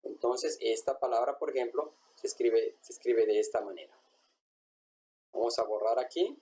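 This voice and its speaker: A man, teaching a language class at a whiteboard. He is patient and says each example word slowly, more than once. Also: medium pitch, dark tone, rough recording.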